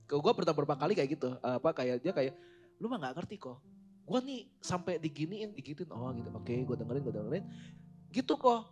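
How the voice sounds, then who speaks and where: Lively man in casual faith talk. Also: a little high, fast talker. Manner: animated, joking, quotes scripture. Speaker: co-host. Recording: music playing under voice.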